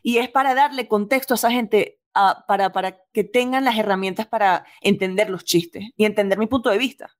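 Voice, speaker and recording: Appearing as an interview guest, this stand-up comedian from Venezuela talks in a fairly quick, mid-range voice with a Venezuelan accent. She's lively and relaxed, laughs a lot, and drops English phrases into the conversation.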